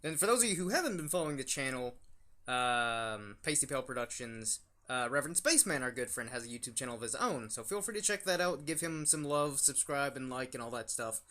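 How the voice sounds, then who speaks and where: Man, young adult, casual review talk, lots of ums, bright forward tone. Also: medium pitch, animated, a little fast. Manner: rambling, many fillers and restarts. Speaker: YouTube channel host.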